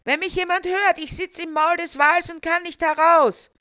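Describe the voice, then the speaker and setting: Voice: mid-range voice, expressive, normal speed, dry recording, natural voice. An irritable man stuck inside a whale figure, voiced by the storyteller, snapping at his rescuers and begging to get out. The recording sounds dull and dry, with little room around the voice. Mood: shouting. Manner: shouts for help, then pleads. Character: trapped irritable man, Jona.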